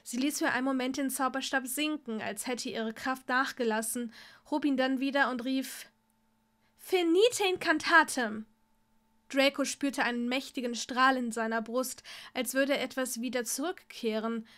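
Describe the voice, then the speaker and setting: A woman reading fan fiction aloud in a steady storytelling voice. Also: high-pitched, moderate pace. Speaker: story reader.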